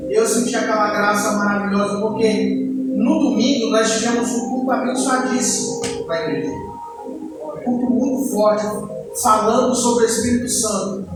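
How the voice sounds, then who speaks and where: A church deacon in his late twenties from Ceará in northeastern Brazil shares a personal testimony sermon with the congregation, speaking with a Brazilian accent in a fairly high voice with even intonation at normal speed. He tells his story conversationally. The echoey hall is captured by a distant mic, with music playing behind.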